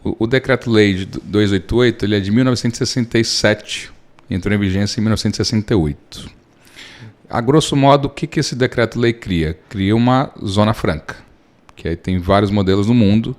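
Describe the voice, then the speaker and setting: A Brazilian man in his thirties with a fairly low voice, talking as a lawyer on a podcast. He explains things patiently and at length, leaning on everyday examples to make his point. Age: 30s. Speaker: lawyer and guest. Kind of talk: relaxed podcast interview.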